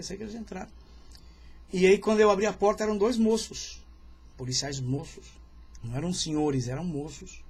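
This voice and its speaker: A middle-aged male pastor preaching at a seminar in a conversational, storytelling way, often checking in with the audience and clearing his throat. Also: fairly high pitch, slight background noise.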